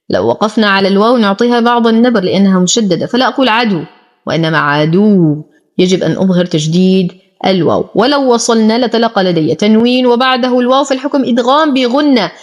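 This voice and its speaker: A woman teaching Quran recitation, chanting words slowly and drawn out, then explaining the pronunciation rules briskly. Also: on the high side, highs cut off. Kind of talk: tajweed lesson, recitation with rule explanations.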